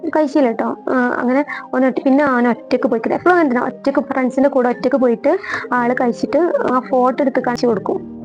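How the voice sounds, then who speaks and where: Woman, rapid earnest personal storytelling, repeats and restarts, dull lo-fi sound, faint music behind. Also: sits high, steady tone, darkish tone. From Kerala. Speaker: storyteller recounting her own marriage.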